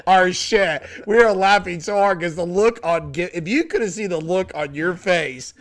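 High-voiced man retelling stories laughing. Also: normal speed. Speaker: podcast co-host. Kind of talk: casual chat.

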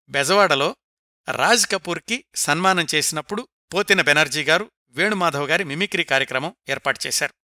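Bright-voiced male narrator, dry studio. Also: fairly high pitch, no echo. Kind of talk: scripted biographical narration.

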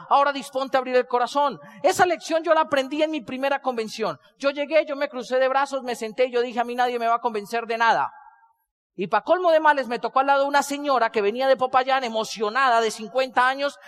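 A man giving a motivational talk at a business convention, telling stories and building up to loud, emphatic passages. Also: very high voice. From Colombia.

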